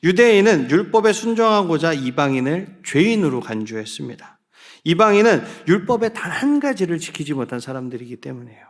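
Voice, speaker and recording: A male youth pastor preaching in a church, his voice sitting high and swinging widely in pitch. He keeps turning to the listeners with questions and calls for group readings. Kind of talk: sermon.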